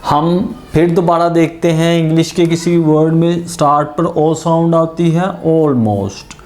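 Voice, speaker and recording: An English pronunciation teacher giving a lesson and drawing out each example word slowly. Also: mid-range voice, monotone, darkish tone. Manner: drawn-out example words, explained in Hindi-Urdu.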